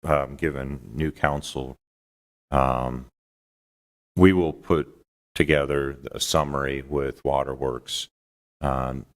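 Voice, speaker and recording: A man briefing a city council in a quick, measured way, with frequent fillers. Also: extremely low pitch. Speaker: city official.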